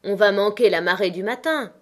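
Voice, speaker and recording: A woman voicing a gruff, sly male ship's cook in a storybook reading, calling out loudly and heartily. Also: medium pitch, fairly quick, lightly acted. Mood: loud protest.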